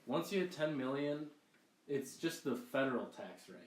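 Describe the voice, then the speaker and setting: A young man co-hosting a podcast, chatting about politics in a halting way with many restarts. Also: mid-range voice, expressive, recorded from a distance, slight background noise. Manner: halting, full of restarts and fillers. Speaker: podcast co-host. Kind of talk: casual political chat. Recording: echoey room, a bit off mic.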